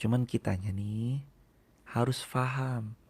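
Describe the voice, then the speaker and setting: Gravelly preacher. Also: male voice, medium pitch, fairly even intonation, a little mellow. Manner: repeats key phrases, chants Arabic verses slowly; addresses the congregation directly. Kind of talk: sermon.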